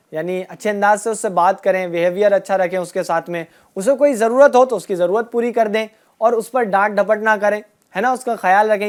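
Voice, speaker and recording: A woman teaching a group of children, asking them questions and repeating their answers, and drawing out key words slowly. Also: medium pitch. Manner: asks a question, then repeats the answer back. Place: room with children and a passed microphone.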